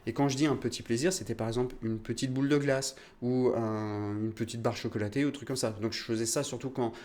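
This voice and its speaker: A man's voice: mid-range voice, steady tone, fast, darkish tone. A young French man hosting a solo podcast, explaining in a chatty, casual way with frequent fillers and restarts. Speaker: podcast host, calisthenics coach.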